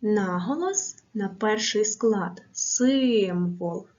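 A woman teaching a grammar lesson to schoolchildren on video, speaking slowly and clearly and asking and answering drill questions. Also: on the high side, lively intonation, a little mellow, highs cut off.

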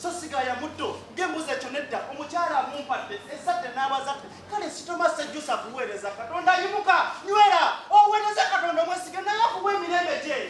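A woman's voice: sits high, quick pace, hardly any pauses. A woman leading a poetry recitation in a large church hall, declaiming in a scolding, preaching tone. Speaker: lead poetry performer. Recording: echoey hall, mic far off.

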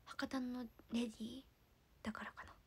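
A young woman from Fukuoka with a Hakata accent, chatting casually on a livestream, giggling and sometimes dropping to a soft murmur. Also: fairly high pitch, flat delivery, normal speed, noisy background. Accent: Hakata dialect. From Fukuoka, Japan. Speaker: idol livestreamer.

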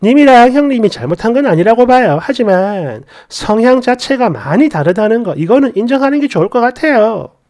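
Female story narrator, sarcastic, lively pitch, dramatic read. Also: fairly quick, hardly any pauses. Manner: sarcastic, expressive commentary. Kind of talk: dramatic storytelling of reader stories.

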